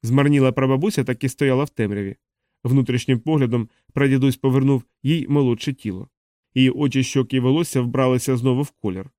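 A man's voice: medium pitch, fast, dry recording. Man narrating an audiobook, close and dry. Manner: expressive storytelling. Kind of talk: scripted narration.

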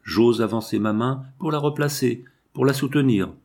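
A man reading an eighteenth-century libertine novel aloud, with expressive swings between exclamations and hushed asides. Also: mid-range voice, normal speed. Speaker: audiobook reader. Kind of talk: dramatic literary reading.

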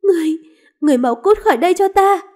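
A woman's voice: high-pitched, moderate pace, warm tone, natural voice. A woman voicing a proud, impassioned young princess. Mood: defiant. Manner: impassioned, pleading.

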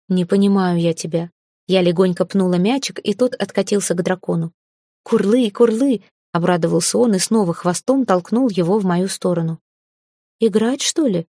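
A woman reading a first-person fantasy audiobook, lively, voicing the heroine's grumbling asides. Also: fairly low pitch, no room sound, studio quality. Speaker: audiobook narrator.

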